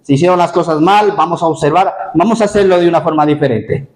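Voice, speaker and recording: Echoey, higher-voiced preaching pastor. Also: male voice, fast talker. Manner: lively preaching, addresses congregation directly with questions. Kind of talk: sermon. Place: church hall; Spain. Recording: echoey church hall.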